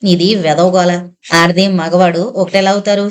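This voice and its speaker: A woman's voice: fairly low pitch, steady tone, moderate pace, close to an everyday voice. A woman narrator voicing a whiny, know-it-all small boy in a spoken novel.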